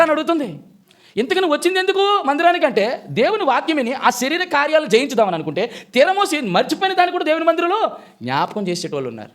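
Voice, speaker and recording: A man with a Telugu accent preaching a sermon in a church hall, asking his listeners one question after another and swinging between loud and soft. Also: high-pitched. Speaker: pastor.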